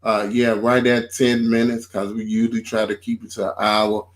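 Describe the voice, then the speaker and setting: A man co-hosting a faith talk show, speaking informally and building his points slowly with repeated phrases, in a casual preaching tone. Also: on the low side, level tone.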